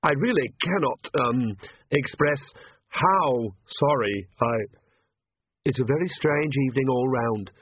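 A man's voice: medium pitch, lively intonation, measured pace, slightly rough, no echo. A man voicing a nervous, apologetic young priest who stammers and hesitates. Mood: fretful. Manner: stammering, hesitant, full of ums. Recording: tinny phone-like line.

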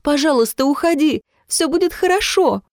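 A woman's voice: lively intonation, moderate pace, darkish tone, no echo, clean studio sound. Woman voicing a tearful, pleading young girl. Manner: high, tearful, pleading, with a breaking voice. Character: desperate young woman, a mayor's daughter in love.

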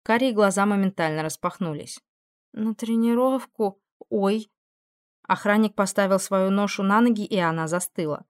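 A woman narrating an audiobook in an even, measured storytelling voice. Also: mid-range voice, clear, resonant tone, dry recording, studio quality.

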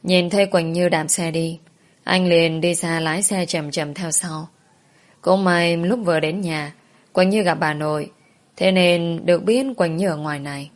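Woman narrating a story, lowish voice. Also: fairly even intonation, unhurried. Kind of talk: first-person story narration.

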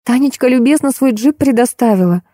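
A woman voicing a shy, blushing young woman who apologizes constantly in a high, chirping voice. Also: a little fast, mellow, no room sound, clean studio sound. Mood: fluttering. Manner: breathless, fluttering, apologetic.

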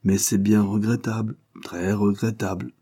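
A man's voice: lowish voice, little pitch movement, moderate pace, warm tone, husky. A man doing a cunning detective playing dumb. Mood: feigned naive. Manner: falsely naive, then urgent and conspiratorial. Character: cunning male detective feigning naive impatience.

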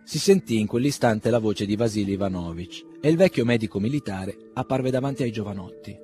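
Guy reading a novel aloud, measured even pace, faint music behind. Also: on the low side. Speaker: audiobook reader. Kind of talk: literary audiobook reading.

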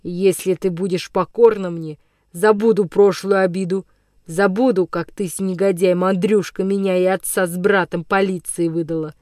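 A woman voicing a coarse older male forest vagabond villain in an audiobook, with a rough, menacing, gloating voice. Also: fairly low pitch, steady tone, normal speed, a little mellow, no room sound, clean studio sound, lightly acted. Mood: threatening. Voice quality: rough, hoarse-edged voice. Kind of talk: audiobook character reading.

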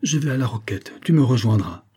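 Audiobook: a sneering militia quartermaster, read by a man, dark and husky. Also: medium pitch, lively intonation, brisk. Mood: mocking. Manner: taunting, commanding. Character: brutal male militia quartermaster, mocking and cruel.

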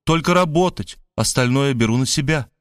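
A clean studio recording with no room sound captures a man lightly acting as a dramatic, doting middle-aged woman. At normal speed, he has her plead in high, gushing, pitiful exclamations, as an audiobook character voice.

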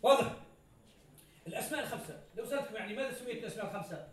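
A man lectures on grammar in a classroom. His voice sits high, and he fires off example after example and quizzes his students. He is recorded from across a very echoey room. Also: lively intonation, rapid-fire. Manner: explains with many examples and questions to students. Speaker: grammar teacher. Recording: roomy echo, from far off.

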